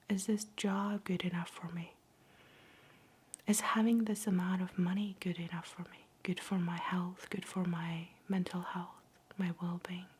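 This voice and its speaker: A woman giving a whispered ASMR pep talk in a soft, breathy whisper, soothing, gentle and encouraging. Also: on the low side. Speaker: ASMR host.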